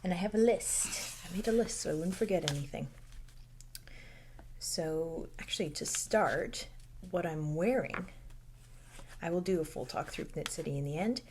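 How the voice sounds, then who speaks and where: A young woman hosting a casual knitting podcast from home, speaking softly and often dropping to a near-whisper. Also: on the low side, animated, normal speed, long pauses, slight background noise. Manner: soft-spoken, drifting into near-whispers.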